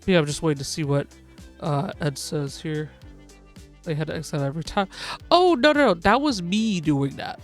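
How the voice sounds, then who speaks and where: A woman hosting a live gaming stream, excitedly calling a race like a sportscaster for her viewers. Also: deep voice, normal speed, faint music behind. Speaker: livestream host.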